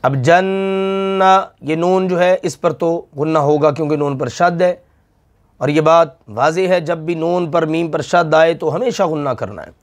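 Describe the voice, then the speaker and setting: A man's voice: a little high, normal speed. A middle-aged man teaching Quran recitation rules, stretching out the sounds he recites and patiently repeating each rule with questions for the listener. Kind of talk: slow Tajweed lesson with drawn-out recitation.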